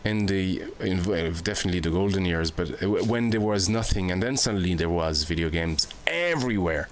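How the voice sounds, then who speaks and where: Low-voiced man in his forties, reflective. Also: a little fast, a little hiss or hum. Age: 40s. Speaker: podcast host. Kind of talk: casual conversation.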